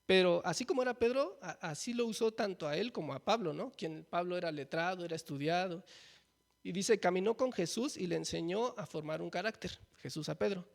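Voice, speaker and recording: A man's voice: high voice, fairly quick, vocal fry. A man preaching a conversational sermon, asking the congregation questions and often adding a folksy "¿no?". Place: church.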